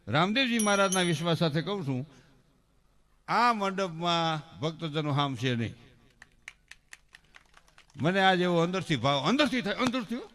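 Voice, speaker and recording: A middle-aged man with a Kathiawadi Gujarati accent works a festival crowd with homely comic stories, his bright, fairly high voice carrying through a stage microphone. He talks to the audience like respected elders and slips into the voices of the villagers in his tales. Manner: folksy, addresses the crowd as elders, acts out quoted villagers. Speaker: folk stage performer and joke-teller. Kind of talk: live stage comedy storytelling. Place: religious festival pavilion before a crowd. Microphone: stage microphone on a stand.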